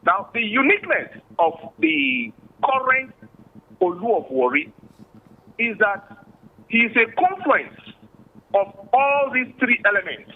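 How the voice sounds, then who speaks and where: A traditional chief with a Nigerian accent and a very high-pitched, creaky voice that swings widely in pitch. He speaks formally and in a measured, explanatory way about history in a remote interview, his voice coming through a bad, tinny, phone-like call line.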